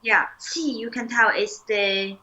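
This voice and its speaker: A young woman teaching a relaxed one-on-one language lesson. She talks patiently, fills her explanations with "like" and "um", and says new words slowly to model them. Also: mid-range voice, highs cut off. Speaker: Chinese teacher.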